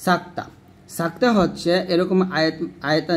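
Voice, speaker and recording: A man teaching the rules of Quran recitation, explaining each rule step by step and then reciting the example words slowly and drawn out. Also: on the high side, little pitch movement.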